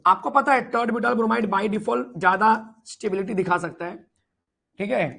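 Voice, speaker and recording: Gravelly, teasing male chemistry teacher. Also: high-pitched, a little slow. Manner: lively, playfully teasing, asks students questions and voices their replies. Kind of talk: online lecture.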